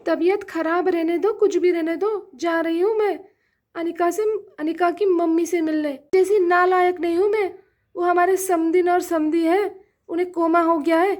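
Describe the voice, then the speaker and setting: A woman's voice: very high-pitched, steady tone, moderate pace, a little mellow. A woman playing a scornful scheming aunt. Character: scheming middle-aged aunt, sharp-tongued and scornful. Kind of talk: doll-play drama voice-over.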